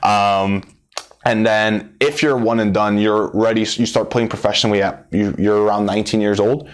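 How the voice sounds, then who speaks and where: A man born in Brazil, working as a soccer scout, answers interview questions in a measured way, with frequent "um" hesitations. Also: fairly low pitch, fairly even intonation. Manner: measured, hedging with frequent ums. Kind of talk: interview guest.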